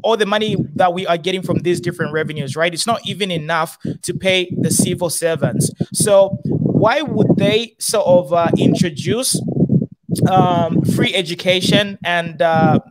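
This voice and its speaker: A young man hosting an interview in a small studio at a stand mic, asking measured questions with frequent pauses. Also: high-pitched, very noisy. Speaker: host.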